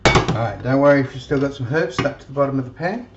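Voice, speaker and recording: Woman cooking vlogger, low voice, chatty and homely; echoey home kitchen, loud frying behind. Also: expressive, fast, dull audio, very noisy. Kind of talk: casual cooking demonstration. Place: home kitchen with sizzling pan.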